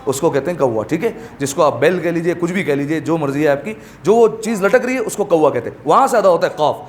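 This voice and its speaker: A man teaching tajweed pronunciation to a class, slowly stretching out Arabic sounds for students to repeat and then explaining quickly. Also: fairly high pitch, animated, slight background noise. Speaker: Quran recitation teacher.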